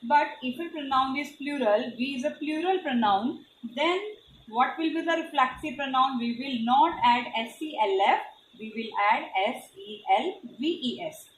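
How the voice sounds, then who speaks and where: A woman teacher with an Indian English accent walks pupils through grammar step by step, spelling out letters as she goes. Her voice is high-pitched and her pace moderate. She's recorded from a distance in an echoey classroom, with slight background noise.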